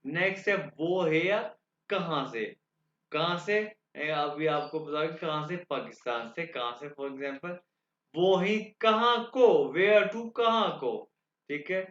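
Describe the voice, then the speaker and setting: Slow-talking man teaching, echoey room. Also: on the high side, fairly bright tone. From Pakistan. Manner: slow and repetitive, checking understanding with the students. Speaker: German teacher. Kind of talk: language lecture. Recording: echoey room, dull lo-fi sound.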